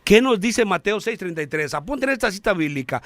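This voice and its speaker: A man giving an earnest radio sermon, calling listeners brothers, halting now and then with fillers and restarts. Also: high-pitched, expressive, a bit bright, no room sound. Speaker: radio preacher.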